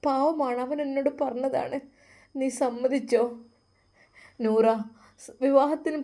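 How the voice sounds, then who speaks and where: A woman voicing a soft-spoken young woman who pleads with her father, in a Malappuram Malayalam accent. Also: sits high, voice pushed up.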